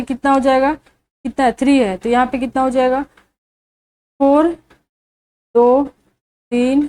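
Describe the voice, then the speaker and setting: A woman with a high voice teaches a maths lesson step by step. She keeps asking the viewer questions and then answers them herself. Her delivery is slow and deliberate. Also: a little mellow, rough recording.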